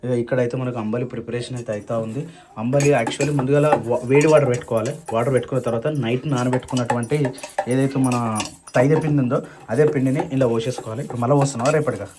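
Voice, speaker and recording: A man's voice: mid-range voice, steady tone, rapid-fire, background noise. A man, chatting casually through a village cooking vlog and explaining each step to viewers as he works. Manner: chatty, explaining steps to viewers while working. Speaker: vlogger. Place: village home kitchen.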